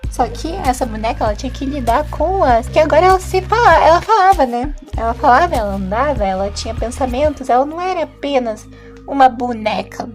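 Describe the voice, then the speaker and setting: A woman recapping a stage play she acted in, in a chatty, animated way with frequent tag questions. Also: sits high, brisk, soft background music. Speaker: actress and vlogger.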